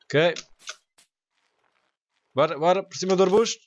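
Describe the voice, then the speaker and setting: Slow-talking young Portuguese man gaming. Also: high voice, dull audio, slight background noise. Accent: European Portuguese. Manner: excitable, swears often, laughs a lot. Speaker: gaming YouTuber. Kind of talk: let's play commentary.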